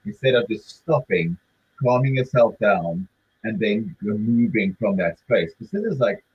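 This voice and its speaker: A man's voice: fairly low pitch, lively intonation, unhurried, highs cut off. A man presenting a webinar in a conversational way, often using filler words and asking rhetorical questions. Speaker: webinar speaker.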